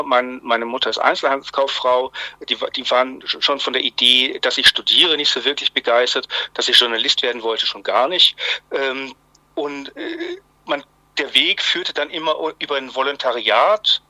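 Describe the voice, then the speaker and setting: A man's voice: mid-range voice, lively intonation, normal speed, bright, forceful tone, no echo, rough recording. A man in his fifties from Swabia, a journalist guest speaking on the phone, hesitant with many fillers and restarts. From Germany, Swabia. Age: 50s. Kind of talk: phone interview. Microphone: phone line.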